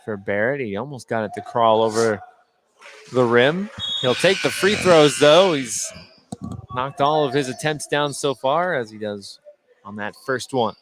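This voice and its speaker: Courtside in an indoor gym, an American announcer calls a basketball game play by play in an unhurried, medium-pitched voice. The recording is noisy, full of gym sounds and bouncing balls.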